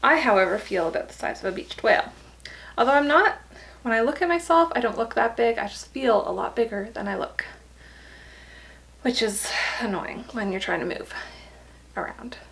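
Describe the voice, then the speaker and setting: A woman's voice: on the high side, animated, moderate pace, creaky, long pauses, a bit bright, rough recording. A tired, pregnant young woman giving a casual vlog update, chatty and laughing often. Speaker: vlogger.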